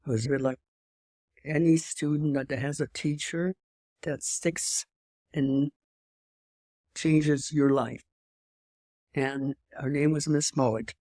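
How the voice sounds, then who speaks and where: Speaking slowly with long pauses, this European woman in her eighties has a low, steady, mellow voice and a slight French accent. As an interview guest she rambles through her life story, restarting often and adding emphatic asides, in a recording with no room sound.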